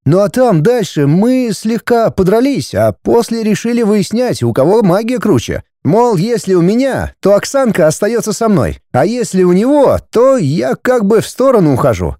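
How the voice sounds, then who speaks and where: A sulky, guilty teenage boy, voiced by a man reading an audiobook. He talks higher than an adult and mumbles sheepishly. The sound is close and dry. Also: very animated, moderate pace, hardly any pauses, warm tone, dry recording.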